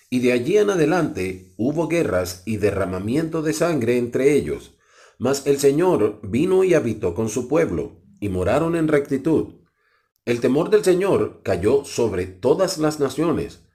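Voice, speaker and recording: A man narrating a scriptural audiobook. His voice is mellow and dark, and his pitch rises and falls widely. He reads in a solemn, measured way. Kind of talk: scripture reading.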